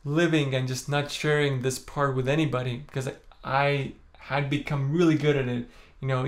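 Sitting in a small room, a young Estonian-born man tells his story to a camera placed in front of him at chest height. He's a vlogger with a medium-pitched voice, soft and calm, speaking openly and without hurry while dropping in "like" and "you know."

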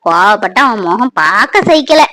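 A woman's voice: medium pitch, moderate pace. A young woman, playing a playful, chatty village girl wary of her strict family. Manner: playful and chatty, lively intonation. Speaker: actor in a family fan drama. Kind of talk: village romance drama acting.

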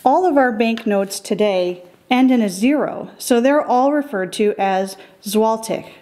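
A woman's voice: fairly high pitch, measured pace, warm tone. A middle-aged woman hosting a currency collecting show, giving careful scripted educational narration.

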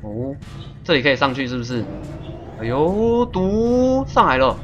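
An excitable man, giving live commentary on a game he is playing. His voice sits high and bright and swings widely in pitch as he chatters and laughs. Faint game music plays behind him. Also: unhurried, muffled recording. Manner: excitable, chatty, laughs often, makes little sound-effect noises. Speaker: game streamer.

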